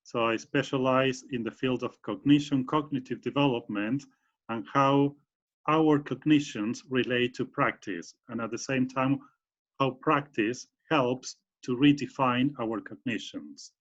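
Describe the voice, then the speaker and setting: A man's voice: medium pitch, unhurried. A man from Argentina with an Argentine Spanish accent, explaining his academic work in a video call interview, full of fillers and restarts. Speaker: guest speaker, university professor. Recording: muffled video call audio.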